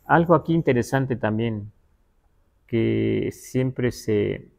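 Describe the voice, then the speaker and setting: A man's voice: mid-range voice, vocal fry. A man from the Huasteca teaching a livestreamed Nahuatl class, reading passages aloud and glossing them word by word. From Huasteca, Mexico. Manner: slow, explanatory, reads aloud and glosses word by word; checks in with listeners, asking "¿verdad?".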